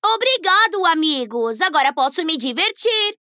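A woman's voice: very high-pitched, very animated, moderate pace, bright, forceful tone, no echo, exaggerated voice. A woman voicing a small young fox, sweet and plaintive, in a children's cartoon. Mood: happy.

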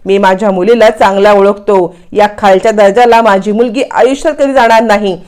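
A woman's voice: mid-range voice, steady tone, fairly quick, darkish tone, smooth, voice pushed down, close to an everyday voice. A woman narrator voicing a stern father who firmly reproaches his daughter's in-laws. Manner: firm, reproachful.

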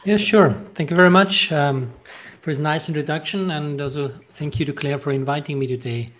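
Austrian guy on a video call, bit higher voice, steady and friendly, lots of ums. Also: moderate pace, a little hiss or hum. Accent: Austrian German. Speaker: robotics professor, panelist. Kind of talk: online panel talk. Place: home room with bookshelves. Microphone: video call with earphones.

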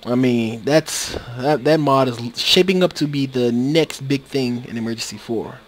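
A man's voice: medium pitch, moderate pace. Rambling man narrating a video game. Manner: rambling, many fillers and restarts. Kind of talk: casual gameplay commentary. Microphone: USB microphone that cuts out.

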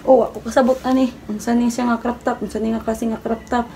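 A woman's voice: on the high side, level tone, fast talker. A young woman doing a chatty, teasing comic parody of a live-selling stream. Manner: chatty, teasing, addresses viewers as guys. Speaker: comedy vlogger. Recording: loud background noise.

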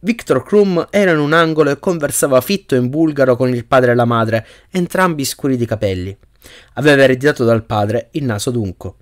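A man narrating an audiobook at a middle pitch. He reads steadily and now and then trips over a word and corrects it. The delivery is plain and even. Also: fairly quick. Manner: reads steadily with small slips and self-corrections. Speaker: audiobook reader.

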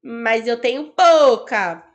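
High, animated young woman, playful. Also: slow pace. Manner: dramatic, playful complaining. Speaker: gaming co-host. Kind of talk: casual gameplay chat.

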